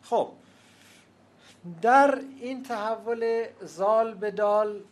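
A man giving an academic lecture, speaking in a measured, explanatory way and pausing often with hesitations. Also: sits high, fairly even intonation. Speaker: lecturer on language history.

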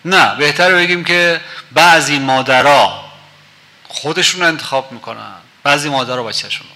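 A man's voice: fairly high pitch, pushed and bright. A man giving a conversational lecture, telling stories, quoting poetry and asking rhetorical questions. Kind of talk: storytelling lecture with quoted poetry.

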